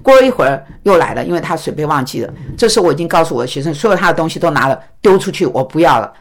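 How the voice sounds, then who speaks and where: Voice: mid-range voice, very animated, rapid-fire. A pastor and teacher giving a recorded talk to a congregation, telling a story with stammered restarts and acted dialogue.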